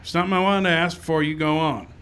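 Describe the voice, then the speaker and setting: A man playing a calm, skeptical frontier marshal in a live radio western, measured, dry and authoritative. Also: fairly high pitch, clean tone, natural voice. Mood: wary. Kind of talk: live old-time radio western acting.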